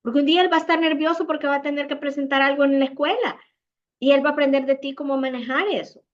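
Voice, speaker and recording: A woman's voice: high-pitched, fairly even intonation, fast, highs cut off. A woman with a Salvadoran Spanish accent gives parenting advice in an online talk, speaking conversationally and acting out short dialogues between parents and children. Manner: warm conversational advice, acts out little dialogues.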